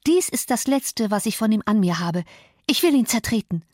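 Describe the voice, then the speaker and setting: A woman's voice: moderate pace, a little mellow, no echo. Casting: a woman playing a battered young woman, breathless and agitated, bitter, dry close sound. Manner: breathless, agitated, higher pitched.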